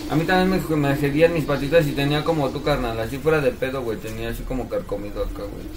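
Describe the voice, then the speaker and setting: A man's voice: medium pitch, racing. A man with a Mexican accent in casual joking banter, teasing his friend with crude slang. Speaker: streamer. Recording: distant mic with clear background noise.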